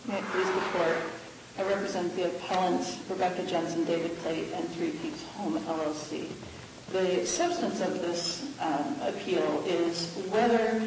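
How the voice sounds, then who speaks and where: A woman with an American accent making a formal legal argument as a lawyer, with halting, hesitant phrasing. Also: fairly low pitch. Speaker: lawyer arguing an appeal. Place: reverberant courtroom. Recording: very echoey room, distant mic, noisy.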